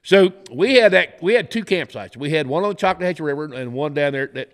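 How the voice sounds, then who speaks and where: Middle-aged Southern man, ex-warden, casual raconteur, voice sits a bit high, studio podcast mic. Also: expressive, quick pace, a bit bright. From Florida, US. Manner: folksy, profane, laughs through his stories. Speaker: podcast guest, former game warden. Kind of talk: casual storytelling. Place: podcast set in a garage studio. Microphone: studio mic on boom arm, headphones.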